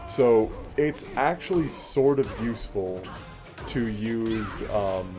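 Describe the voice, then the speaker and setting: A let's play host gives casual, explanatory commentary as he plays a game, with a wry way of talking. His voice is on the low side and animated, and he takes it slowly. Game music plays behind him.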